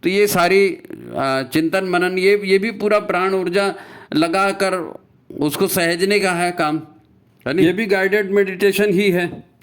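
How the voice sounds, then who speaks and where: A man's voice: high-pitched, a little slow, clear, resonant tone. A man giving a spiritual talk on meditation, often repeating himself and asking rhetorical questions. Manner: rhetorical questions and repetition, tagging "है ना?"; recites scripture and mantra lines. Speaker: spiritual speaker.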